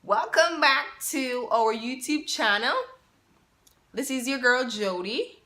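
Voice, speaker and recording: A woman's voice: high-pitched, slow, bright, forceful tone. A Jamaican woman vlogging in a chatty way, repeating herself and asking her viewers questions. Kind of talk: casual talk to camera.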